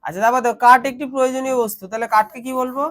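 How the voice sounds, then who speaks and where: A man's voice: extremely high pitch, flat delivery, racing, a bit bright. Questioning male teacher in class. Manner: questioning, explains step by step. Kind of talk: classroom grammar lesson.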